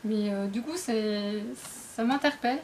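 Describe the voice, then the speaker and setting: A woman's voice: on the high side, unhurried, a little mellow, slight background noise. Chatty young woman rambling through a book haul. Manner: rambling, self-interrupting, chatty. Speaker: book vlogger. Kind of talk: casual book haul vlog. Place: indoors at home, dim light. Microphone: camera facing her.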